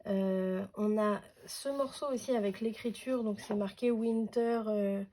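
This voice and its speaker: A woman's voice: mid-range voice, steady tone, unhurried, warm tone. A woman chatting casually through a craft unboxing, hesitant, with many fillers and restarts. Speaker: craft vlogger.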